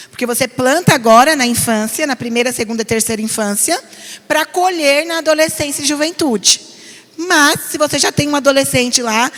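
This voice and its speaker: A middle-aged woman pastor with a São Paulo Brazilian accent, teaching a parenting class in an earnest, animated way. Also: sits high. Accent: Brazilian Portuguese, São Paulo. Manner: earnest, animated, mimics nagging voices. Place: church hall. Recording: long reverb of a church hall.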